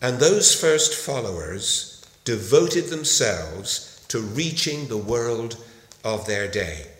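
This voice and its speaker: Slow, deliberate preacher in an echoing hall. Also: male voice, lowish voice, sing-song, a bit bright. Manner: slow, deliberate delivery with emphatic pauses. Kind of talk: sermon. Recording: roomy hall reverb.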